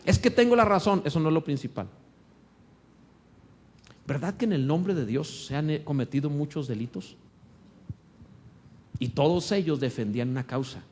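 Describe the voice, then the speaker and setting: A man preaching a sermon as pastor, swinging between loud emphatic lines and hushed ones. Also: on the high side, normal speed, pauses often.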